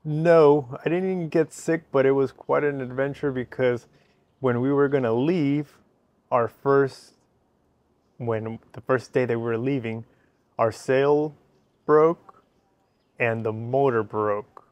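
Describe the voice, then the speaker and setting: Speaking slowly with fairly even intonation, this interview guest has a medium-pitched, darkish voice; the recording is muffled but has no echo. He is a man in his thirties from Ecuador, a native Spanish speaker with an Ecuadorian Spanish accent, giving short, simple answers in a casual interview on a covered patio beside a fireplace.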